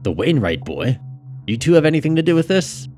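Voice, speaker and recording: A man's voice: fairly high pitch, very animated, brisk, darkish tone, faint music behind, voice pushed up. A man voicing a practical former butcher who talks plainly and levelly.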